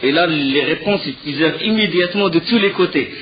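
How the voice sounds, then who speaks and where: Animated male lecturer, slightly muffled. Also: fairly high pitch, fairly quick. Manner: animated storytelling, rising with emotion, frequent fillers and restarts. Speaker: teacher of religious history. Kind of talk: recorded lecture retelling a story.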